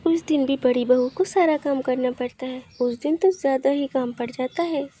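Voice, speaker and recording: A woman narrating a cartoon moral story in a plain, steady storytelling manner. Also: high voice, moderate pace. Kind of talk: scripted narration.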